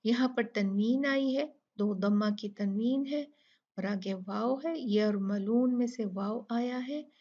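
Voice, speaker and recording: A woman's voice: fairly high pitch, mellow, muffled recording. A woman with an Urdu-speaking accent teaching recitation rules, explaining patiently and drawing out each recited word. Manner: slow, patient explaining, drawn-out recitation of words. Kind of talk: tajweed lesson.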